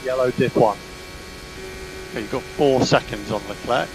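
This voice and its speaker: A man's voice: mid-range voice, normal speed, over music, rough recording. A man working as a race engineer, giving terse, repeated instructions in clipped team radio messages over engine roar. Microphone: radio headset.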